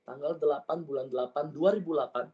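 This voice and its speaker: A man's voice: on the high side, fast, muffled recording. Emotional Indonesian man giving a sermon testimony. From Makassar, Indonesia. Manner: emotional storytelling, addressing listeners as brothers and sisters. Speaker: guest singer giving testimony.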